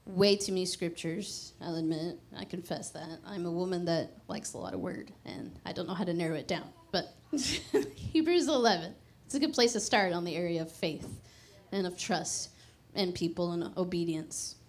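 On a church stage with a handheld mic, a woman delivers a conversational, emphatic sermon in an expressive voice on the low side. She talks at normal speed with hardly any pauses, and at points her voice falls to a hushed prayer.

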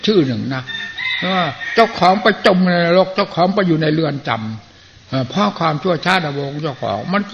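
An older man, a Buddhist monk, giving a plain-spoken, folksy sermon and often clearing his throat. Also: a little high, animated, normal speed. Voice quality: gravelly. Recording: muffled lo-fi archive recording with faint hiss.

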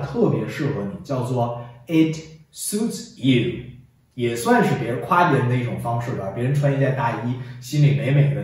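A man's voice: mid-range voice, a little mellow. A man teaching an English lesson, drilling phrases for the viewer to repeat and praising with "very good". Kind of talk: classroom-style English lesson. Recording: echoey room, distant mic.

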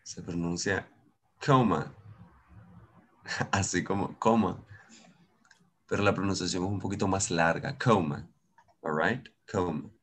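A man's voice: low voice, fairly even intonation, normal speed, fairly bright tone. A man with a Venezuelan accent teaching English in an online class, switching between Spanish and English, patient and encouraging.

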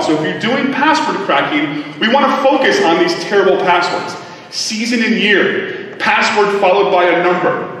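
A man giving a conference talk to a live audience, joking and tossing quick asides to the crowd. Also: high voice, a bit bright. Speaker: conference speaker. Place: large conference hall. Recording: echoey hall from far off.

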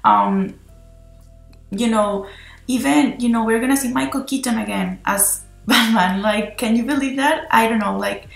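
A woman talks through a film review in a chatty, enthusiastic, rambling way, filmed on her own phone. Her voice has a gravelly edge, and the room around the phone mic rings with echo. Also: a little high, a little slow, faint music behind. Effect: recorded on a phone. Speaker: movie reviewer. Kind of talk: casual spoken film review. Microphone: phone recording itself.

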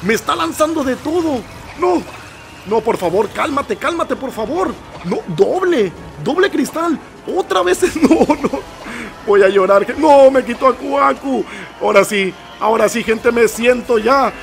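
A man giving excitable, nervous let's-play commentary and constantly calling out to his viewers. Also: very high voice, a little slow, vocal fry, faint music behind. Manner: excitable, nervous reactions, keeps addressing viewers as "gente". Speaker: gameplay commentator.

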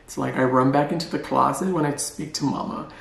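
A playful, talkative man chats through a casual vlog and pokes fun at himself. His voice has a gravelly edge. The room around him is echoey. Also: medium pitch, steady tone, fairly quick, a bit bright. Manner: playful, chatty and self-mocking. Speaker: vlogger. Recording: roomy echo.

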